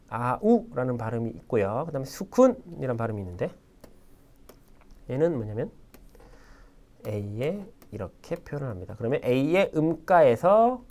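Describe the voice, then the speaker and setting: Lively man teaching a language lesson. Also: mid-range voice. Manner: lively explanatory teaching, frequent "자" prompts; writes with a pen while explaining. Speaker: Arabic language instructor. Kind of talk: recorded video lecture.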